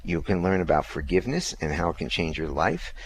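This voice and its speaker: A man co-hosting a call-in radio show, reading a class promo and introducing callers in a steady, even way. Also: low-pitched, fairly quick, slight background noise. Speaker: radio co-host. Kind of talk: radio announcing.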